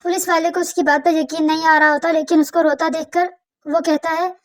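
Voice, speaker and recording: A woman narrating a scripted cartoon horror story in a plain, steady telling. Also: extremely high pitch.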